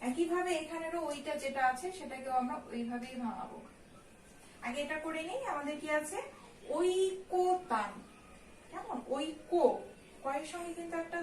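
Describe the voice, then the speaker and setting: A woman, a college teacher, giving a recorded lesson. She explains slowly, step by step, and keeps checking in with her students. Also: high-pitched. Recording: echoey room, distant mic, faint ambient noise.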